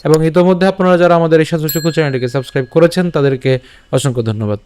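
A man teaching recitation online, patiently breaking verses into syllables and repeating them slowly. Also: fairly high pitch, a little mellow, faint music behind. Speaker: scripture pronunciation teacher.

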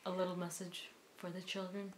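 A young woman in a casual home video who exclaims excitedly and repeats herself. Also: on the low side, brisk. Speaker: sister filming a home documentary. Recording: echoey room with background noise.

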